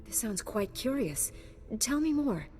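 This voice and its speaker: A woman voices a composed, blunt young female Jedi knight in video game dialogue, delivering her lines in a controlled, direct way. Her voice is a little high, very animated, unhurried and a little mellow, with soft music in the background.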